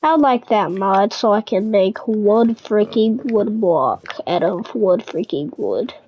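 A woman's voice: medium pitch, expressive, takes it slowly, mellow, slight background noise, poor audio. A young woman talking viewers through a game tutorial in a casual, chatty way, now and then grumbling in frustration. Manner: chatty, easily frustrated, talks to viewers directly. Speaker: gaming tutorial creator. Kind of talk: casual gameplay commentary.

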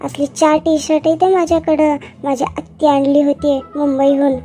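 A whiny, boastful village lad begs for a bride, voiced by a woman. The voice sits high and flat, with loud music underneath the cartoon comedy. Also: normal speed, close to an everyday voice. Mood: pleading. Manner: whiny, boastful pleading in rural speech. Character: poor village young man, pleading for a bride.

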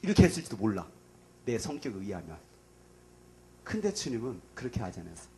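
A man preaching to a youth gathering as their pastor, dramatic and casual, swinging between loud outbursts and near whispers. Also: on the low side, big pitch swings, brisk. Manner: casual, plain speech to young listeners.

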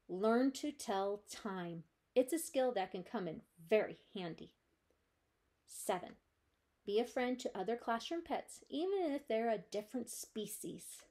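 A woman librarian reading a children's chapter book aloud with gentle, steady storytelling. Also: a little high.

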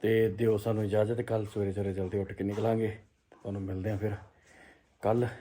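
A man's voice: lowish voice, flat delivery, fast talker, dark tone. A man with a Punjabi accent chatting casually in a family vlog, teasing and talkative. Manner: chatty, teasing, sings folk lines. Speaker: vlogger.

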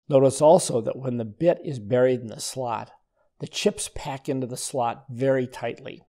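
Calm older man with a mellow voice. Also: medium pitch, unhurried, long pauses. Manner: calm, methodical explaining. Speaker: woodworking instructor. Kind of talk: scripted voice-over narration.

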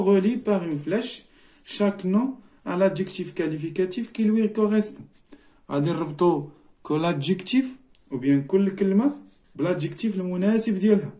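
A man's voice: high-pitched, mellow. A middle-aged man with a Moroccan accent, teaching a primary-school French spelling lesson, explaining step by step, repeating words and switching between languages. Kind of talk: French lesson walkthrough mixing Moroccan Arabic and French.

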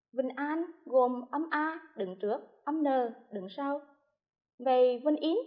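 A female primary school teacher giving a televised lesson to first graders, speaking slowly and spelling things out with careful, clear articulation. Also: high voice, lo-fi sound. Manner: slow, clearly articulated classroom delivery.

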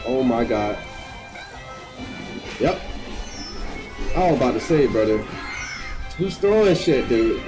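A man giving live gameplay commentary as a streamer, slangy and excitable, breaking into screams. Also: medium pitch, slow pace, pauses often, rough recording. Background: game music.

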